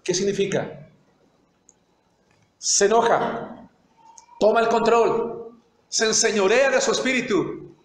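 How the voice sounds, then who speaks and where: Pastor, male, preaching a sermon, high voice, roomy hall with faint hiss. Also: slow, long pauses. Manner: preaching with rhetorical questions and acted dialogues. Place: church sanctuary. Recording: echoey church hall with faint noise.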